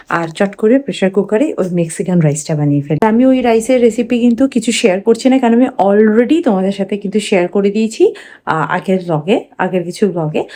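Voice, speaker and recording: A woman's voice: mid-range voice, warm tone. A woman in her thirties with a Bengali accent, chatting casually to viewers about her day while cooking. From India. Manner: chatty, talks to viewers while cooking, mixes in English words. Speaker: family vlogger. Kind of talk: casual vlog narration.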